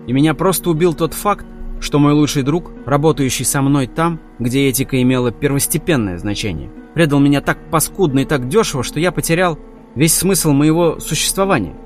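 A man's voice: on the high side, a little fast, faint music behind, lightly acted. A man reading the part of a weary, disillusioned would-be savior in an audiobook, brooding and self-pitying.

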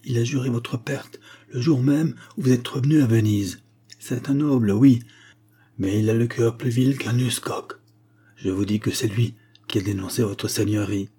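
A man voicing an excitable, loyal male dwarf servant who talks in a breathless, pleading way. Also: medium pitch, moderate pace, husky. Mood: urgent.

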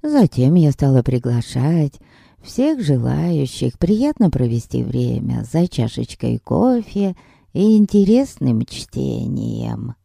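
A woman putting on a frail old grandmother with a low, creaky, mumbling voice, dragging out every word in a storybook reading. The tone is dark and mellow, with a dry, close sound. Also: big pitch swings, slow pace, no echo, exaggerated voice. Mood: slow, gruff.

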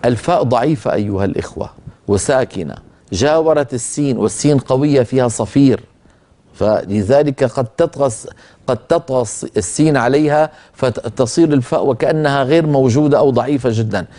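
Mellow-voiced male recitation teacher. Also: mid-range voice. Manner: calm, explanatory, slows down to demonstrate pronunciation. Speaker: Quran recitation teacher and program host. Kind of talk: televised recitation lesson.

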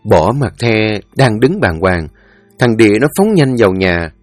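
A man narrating a story in an expressive, dramatic way. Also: on the low side, unhurried, no echo. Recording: dry studio voice over faint music.

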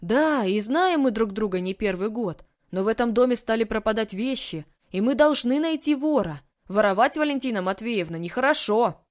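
A confident young amateur detective who corners his suspect with sly, insistent questions, voiced by a woman reading the audiobook. The tone sits a little higher than a plain reading voice and never lets up. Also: animated, moderate pace, few pauses, natural voice. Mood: accusing. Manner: pressing, sly, mock-folksy. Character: confident young man, a shrewd amateur sleuth.

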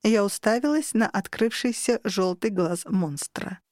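A woman narrating an audiobook in the first person, with lively, wry storytelling. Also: medium pitch, a little slow, no echo, studio quality.

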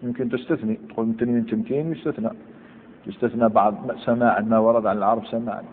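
A man's voice: medium pitch, steady tone, racing. A man gives a classroom grammar lesson, moving through each point step by step and firing short questions at his students. He is heard over a thin, phone-like line, and his voice rings with the long reverb of a lecture hall. A faint hiss runs underneath. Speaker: Arabic grammar teacher.

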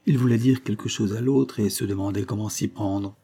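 A man reading a literary short story aloud in a measured narrating voice. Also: lowish voice, steady tone, mellow, husky.

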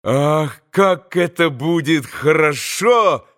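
A man voicing an excited teenage boy in an audiobook, exclaiming loudly and eagerly. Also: fairly high pitch, takes it slowly, pitched above the performer's own voice. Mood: eager wonder. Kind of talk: audiobook character reading.

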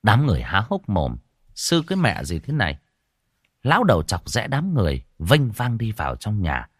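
Expressive low-voiced male storyteller. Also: normal speed, slightly rough, no room sound, studio quality. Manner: expressive, swinging between hushed and raised. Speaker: narrator. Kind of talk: dramatic audio-story narration.

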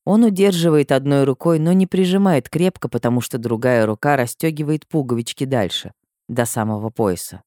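A woman reading a first-person audiobook with emotional delivery and sudden high cries. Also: a little fast, warm tone, no echo, clean studio sound. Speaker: audiobook narrator.

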